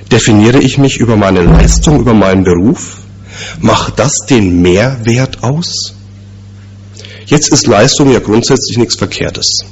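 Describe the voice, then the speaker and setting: Husky-voiced German man preaching. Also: medium pitch, highs cut off. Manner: storytelling, rhetorical questions, slow emphatic repetitions. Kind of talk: sermon.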